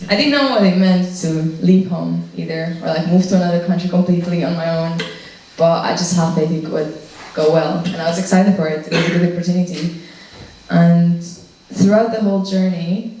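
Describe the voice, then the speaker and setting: A woman's voice: on the low side, warm tone. Woman, 20s, from Romania; hesitant testimony talk, very roomy distant sound. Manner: hesitant, many ums and restarts. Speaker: church volunteer giving a testimony. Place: room with a live audience. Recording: very echoey room, from a distance, faint noise.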